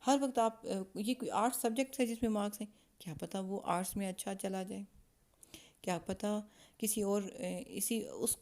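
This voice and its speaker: A woman hosting a channel, talking informally about child psychology and parenting. She asks herself rhetorical questions and pauses often to find her words. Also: mid-range voice, mellow. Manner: conversational, with frequent hesitations and rhetorical questions; acts out parent-child exchanges as examples. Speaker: channel host giving parenting advice.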